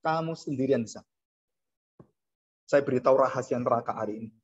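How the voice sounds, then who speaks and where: A man preaching a sermon as a pastor, animated, his voice rising high when he acts out frightened people and dropping low for solemn points. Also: fast talker. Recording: dull lo-fi sound.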